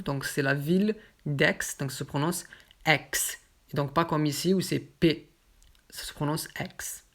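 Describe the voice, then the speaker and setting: A woman teaching pronunciation, saying example words slowly and repeating them carefully. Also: sits low. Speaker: French teacher. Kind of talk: pronunciation lesson.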